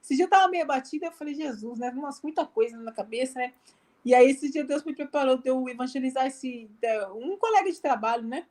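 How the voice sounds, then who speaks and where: Over a live video call, a woman missionary appearing as a guest tells her testimony with a Brazilian Portuguese accent, her voice sitting high with a darkish tone and a fairly quick pace. She chats loosely, uses lots of fillers, and dramatizes quoted dialogue.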